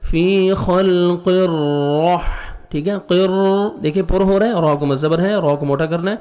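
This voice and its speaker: A patient male teacher, somewhat high in pitch, who goes through the rules of recitation letter by letter and then chants the verses slowly and melodically. His voice carries a long reverb, as if heard in a large hall. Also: a little mellow. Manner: patient, step-by-step letter instruction. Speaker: Quran reading teacher. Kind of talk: tajweed lesson, slow recitation between explanations.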